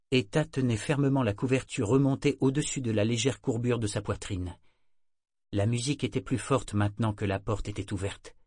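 A man narrating an audiobook in a calm, measured reading style. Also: lowish voice, breathy edge, no room sound, studio quality.

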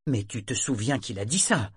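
Urgent young sailor woman, voiced by a man, low rough voice, insistent, dry recording. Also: animated, normal speed, dry recording.

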